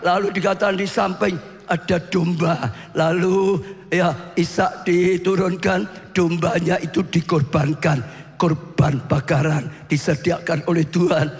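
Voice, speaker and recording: Pastor preaching in a reverberant hall. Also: male voice, high voice, flat delivery, measured pace, soft background music. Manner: dramatic retelling, often rising to shouts; addresses listeners as saudara. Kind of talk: sermon storytelling.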